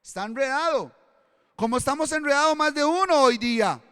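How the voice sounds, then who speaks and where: A Costa Rican man preaching a sermon as pastor in a church, swinging from loud pleading to hushed asides. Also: extremely high pitch, expressive, a little fast. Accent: Costa Rican Spanish. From Costa Rica. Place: church hall. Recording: long church-hall reverb.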